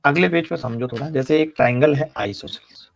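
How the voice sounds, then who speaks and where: Gravelly Hindi-speaking math teacher. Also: male voice, mid-range voice, brisk, slight background noise. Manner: explains step by step, teases students with jokes. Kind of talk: live online math class.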